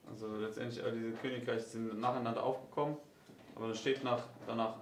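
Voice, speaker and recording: A man's voice: medium pitch, quick pace. A man interpreting a Bible lesson sentence by sentence, speaking steadily with frequent "äh" fillers. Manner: steady and flat, with many "äh" fillers. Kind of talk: consecutive interpreting. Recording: roomy room with faint hum.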